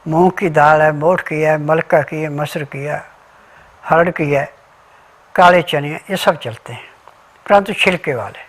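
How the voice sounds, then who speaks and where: A man's voice: fairly high pitch, a little slow, fairly bright tone. A man giving an instructional health talk as a remedy advisor, methodically listing ingredients and diet rules step by step.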